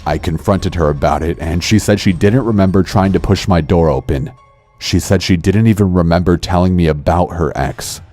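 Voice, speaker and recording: Very deep, dark-voiced male narrator. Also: moderate pace. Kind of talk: scripted horror story narration. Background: faint music.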